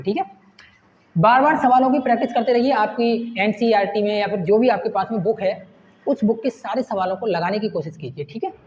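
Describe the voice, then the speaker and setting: The teacher's voice sits high and is a little mellow as he gives a step-by-step classroom explanation. He keeps questioning the class and then answering himself, all captured in an echoey room on dull, lo-fi audio with a faint hiss.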